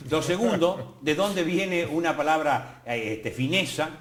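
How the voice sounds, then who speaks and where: An older man with an Argentine accent explaining language on a TV studio program in a professorial, lively way with playful asides. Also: fairly high pitch, a little slow, a little hiss or hum. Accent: Argentine Spanish. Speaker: guest, academy president. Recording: roomy studio echo.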